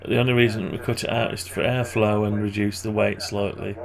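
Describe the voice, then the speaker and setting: A man with a groggy, gravelly morning voice and vocal fry endings, giving casual, hesitant think-aloud commentary on his screen work. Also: lowish voice, fairly even intonation, a little fast, a crowd in the background. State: groggy morning voice, clearing throat. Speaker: maker narrating a design tutorial.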